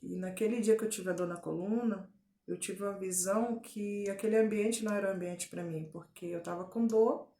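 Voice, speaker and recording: A woman with a Brazilian Portuguese accent giving a personal faith testimony at home, telling her story earnestly and deliberately with frequent tag fillers. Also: on the low side, creaky, mellow. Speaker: testimony giver. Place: at home, indoors. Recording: echoey home room. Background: faint drill noise.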